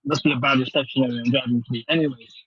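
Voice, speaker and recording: Man, co-host, driving, remote call, glitchy buzzy audio, cutting out, muffled lo-fi line, husky, grudging. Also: mid-range voice, steady tone, racing, no echo. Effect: buzzy, glitchy call audio that cuts out. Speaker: podcast co-host. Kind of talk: casual panel discussion. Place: in a car while driving.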